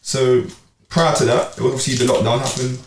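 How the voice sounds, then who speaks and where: A man's voice: mid-range voice, fairly quick. A young man telling his boxing story in a casual podcast chat, full of slang and repeats. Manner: animated storytelling with street slang. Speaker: amateur boxer and club player. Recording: roomy, distant mic, faint noise.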